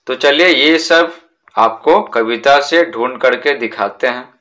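A man with a bright, forceful voice explains a lesson in Hindi. He reads words slowly, asks the class questions and answers them himself. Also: medium pitch. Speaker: teacher.

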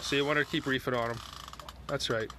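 A man guiding a fishing trip on a river, coaching calmly and joking while he films from the boat. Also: medium pitch, fairly quick. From Canada. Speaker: fishing guide. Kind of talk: live-streamed fishing vlog. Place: open boat on a river, outdoors. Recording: outdoor boat noise.

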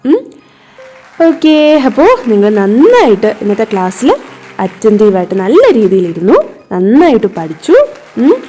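A woman's voice: medium pitch, warm tone. A woman English tutor with a Malayali accent, patiently spelling words out letter by letter and checking that her young students understand. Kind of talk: online lesson for children. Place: home tuition setting.

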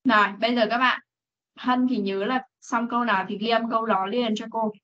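A woman teaching an English class over a video call, reading sentences slowly for students to repeat and correcting them firmly. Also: on the high side, steady tone, a bit bright. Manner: reads English slowly for repetition, scolds firmly. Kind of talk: online class instruction. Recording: dull lo-fi meeting recording.

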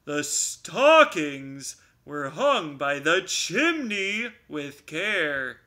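A man voicing a gruff, pompous male bear in a children's storybook reading, booming and stern. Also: very animated, slow pace, pushed and bright, heavily acted.

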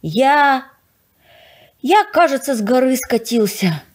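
Fussy young storybook boy, complaining, husky voice, read by a woman. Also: high voice, very animated, slow pace, pitched above the performer's own voice, heavily acted. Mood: whiny. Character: fussy picky young boy, easily frightened.

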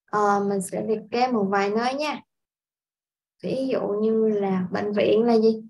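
A woman from Vietnam teaching a casual language lesson, explaining step by step in an unhurried way with frequent filler sounds. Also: mid-range voice, fairly even intonation, a little mellow, low-quality recording. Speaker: English teacher.

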